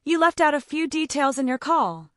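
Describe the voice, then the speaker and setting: A man's voice: very high voice, lively intonation, moderate pace, a bit bright, dry recording, voice pushed up. A woman reading the lines of a weary male police detective in a dry, stern manner.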